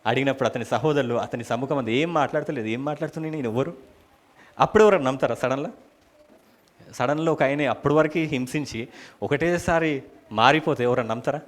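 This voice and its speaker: A man's voice: mid-range voice, fast. A man preaching, retelling a scripture story in a dramatic, colloquial way and calling out hallelujah. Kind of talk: storytelling sermon.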